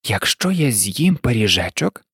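A woman's voice: rumbling low, big pitch swings, a little slow, a bit bright, husky, no room sound, clean studio sound, voice pushed down, full character voice. A woman voicing a curious, clever young girl who muses aloud to herself. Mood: musing. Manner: musing, talking to herself. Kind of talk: audiobook character voice.

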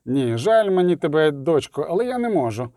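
A man's voice: on the high side, sing-song, brisk, warm tone, dry recording, studio quality. A man playing a scared innkeeper. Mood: frightened pleading. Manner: pleading, shaky. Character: frightened middle-aged male innkeeper.

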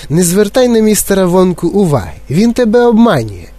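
Male reader doing a haughty mother, shrill and indignant, pitched way up. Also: very animated, fairly quick, dark tone, no echo. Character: indignant, haughty, heavyset middle-aged mother.

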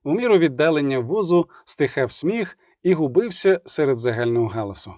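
A man reading an audiobook in steady, expressive scripted narration. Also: fairly high pitch, brisk, dry recording, studio quality.

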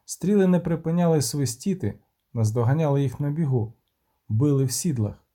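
A man narrating an audiobook in a steady, rhythmic reading. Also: a little high, normal speed. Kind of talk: scripted narration.

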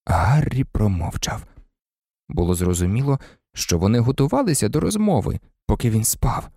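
A man narrating an audiobook in an expressive, animated way. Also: on the low side, moderate pace, husky, dry recording, clean studio sound.

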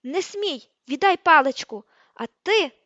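Hermione, a shrill furious young woman, as a woman reads her. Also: fairly quick, no room sound, natural voice. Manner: shrieking, sarcastic, hitting high notes. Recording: slightly muffled dry audio.

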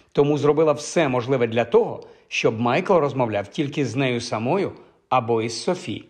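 A man narrating a fantasy audiobook in a measured, expressive storytelling manner. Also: mid-range voice.

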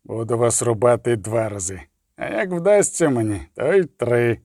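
Brief: sinister hangman, low hollow growl, voiced by a male reader. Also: moderate pace, a little mellow, dry recording, studio quality, lightly acted. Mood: mocking. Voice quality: hollow, ominous voice. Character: menacing male executioner, grim, sinister.

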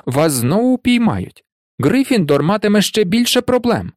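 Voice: medium pitch, very animated, normal speed, no echo, clean studio sound, pitched above the performer's own voice, close to an everyday voice. A reader voicing a nervous but stubborn schoolboy who speaks in strained, defiant outbursts. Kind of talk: audiobook character voice.

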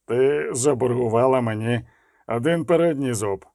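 A man voicing a cold, brutal male bounty hunter who threatens quietly. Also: mid-range voice, normal speed, vocal fry, dry recording, clean studio sound, natural voice.

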